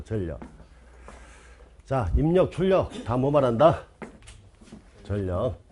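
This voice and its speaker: A man teaches an exam-prep class online, his husky voice swooping up and down as he fires rhetorical questions at his students. His tone is mellow and warm, and he drives each key term home by repeating it. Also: mid-range voice. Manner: insistent, repeats key terms emphatically. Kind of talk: online lecture.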